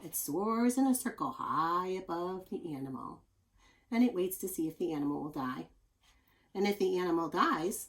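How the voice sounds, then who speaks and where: Like a teacher, this woman reads a children's nonfiction book expressively, explaining as she goes and tossing in chatty asides for the young audience. She has a fairly low pitch, captured on a rough recording.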